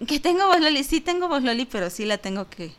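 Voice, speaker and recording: Very animated and fast, this Mexican-accented woman's fairly bright voice sits high as she hosts an online talk show. Reading listener comments aloud, she jokes and chats casually, laughing and using many fillers.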